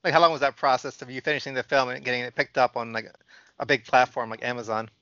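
Crisp, bright male podcast host. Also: mid-range voice, steady tone, fast, dry recording, muffled recording. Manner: asks loose questions full of likes and ums. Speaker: interview host. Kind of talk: casual interview.

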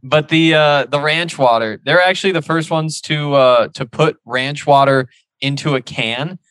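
A man's voice: fairly high pitch, a little slow, a bit bright, clean tone, dry recording. A man co-hosting a podcast, giving a loose, ad-libbed sponsor read in a casual, chatty way. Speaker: sports podcast co-host.

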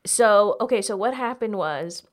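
A young American woman, a comedian appearing as a podcast guest, tells personal stories in an informal chat, sprinkling in "like" and swearing freely. Her voice is medium-pitched and animated, and her pace is a little slow.

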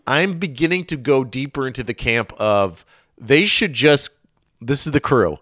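Guy cohosting a sports podcast, mid voice, thinking out loud, dry close sound. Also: medium pitch, animated, a little slow, no room sound. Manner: conversational, thinking aloud with fillers. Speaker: podcast co-host. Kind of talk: casual sports podcast chat.

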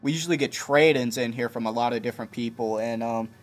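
A man's voice: medium pitch, fast. A young man co-hosting a casual gaming podcast, laid-back and wry. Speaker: podcast co-host, game store worker.

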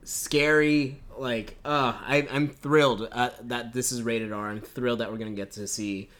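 A man hosting a casual podcast chat, jokey and quick to laugh. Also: mid-range voice, fairly even intonation, fairly bright tone. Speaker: podcast host.

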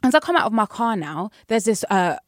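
A woman's voice: medium pitch, a little fast, dry recording, clean studio sound. A young woman with a London accent and street slang, telling stories expressively in a casual group chat. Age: young adult. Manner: expressive, quotes people as she tells stories.

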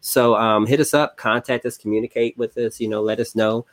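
A man's voice: mid-range voice, brisk. A man talks easily as a podcast co-host. He rambles a little, with plenty of fillers and repeats. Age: 30s. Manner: relaxed, lots of fillers and repeats. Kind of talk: casual chat.

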